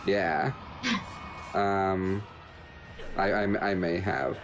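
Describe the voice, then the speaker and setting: Over gameplay footage, this man reviews a video game for his podcast, rambling and joking as he explains. He speaks in a low, steady voice at a very slow pace, and background noise can be heard.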